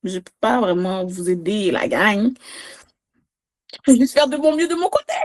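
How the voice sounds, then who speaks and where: A Québécoise woman with a fairly high voice talks freely as a guest, her tone leaping up and down as she jokes and laughs through her points. She sounds relaxed and expressive, a comedian in casual conversation. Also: measured pace. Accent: Québécois French. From Quebec. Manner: animated, laughs often, big pitch swings. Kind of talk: casual interview chat.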